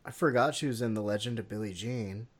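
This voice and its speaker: A man co-hosting a casual movie commentary, laid-back and quick to chuckle, who sometimes reads out film trivia. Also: lowish voice, husky. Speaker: podcast co-host.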